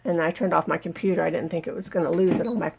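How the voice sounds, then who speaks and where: A woman's voice: on the low side, steady tone, racing, creaky, background noise. A woman with a cold, a little out of breath, chatting casually through a hands-on embroidery tutorial with lots of ums as she works her machine. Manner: chatty, many ums, talks while working the machine. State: has a cold, slightly out of breath. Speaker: embroidery channel host.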